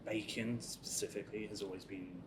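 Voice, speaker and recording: A man's voice: fairly low pitch, flat delivery, normal speed, over a noisy crowd. A man, a culinary student, rambling in an easygoing way in an interview. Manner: easygoing, rambling, a little laughing. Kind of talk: casual interview chat. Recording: distant mic with room noise.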